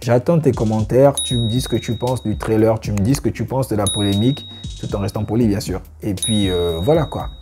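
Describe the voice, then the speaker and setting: Over music, a young man with a lowish voice speaks a little fast in a casual reaction vlog. As a YouTube reaction host, he addresses viewers directly and conversationally, sharing his opinions with plenty of fillers.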